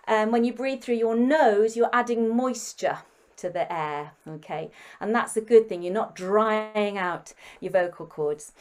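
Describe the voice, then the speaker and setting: Woman, singing teacher, warm and encouraging, guides a group through warm-ups. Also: mid-range voice. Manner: gentle, encouraging, coaching step by step. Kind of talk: guided breathing and vocal warm-up instruction.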